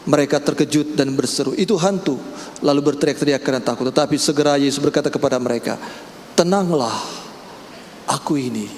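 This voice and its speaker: A man preaching a sermon as pastor, breaking into loud, high-pitched exclamations. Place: large church hall. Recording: echoey church hall, faint room noise.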